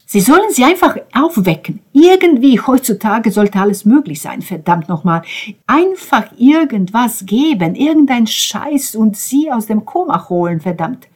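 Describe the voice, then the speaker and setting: A woman voicing an enraged young man who shouts and swears in a German audiobook. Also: on the low side, level tone, moderate pace, creaky, few pauses, slightly rough. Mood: furious. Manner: shouting, swearing, loud and raised. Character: furious young man cursing at everyone. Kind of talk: audiobook character voice.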